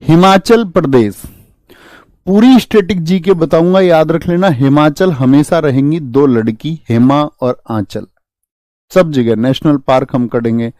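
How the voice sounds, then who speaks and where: A man's voice: fairly high pitch, unhurried, a little mellow, no echo. A young man teaching an exam-prep class, energetically quizzing students with questions and mixing English words into his explanations. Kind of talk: exam coaching lesson.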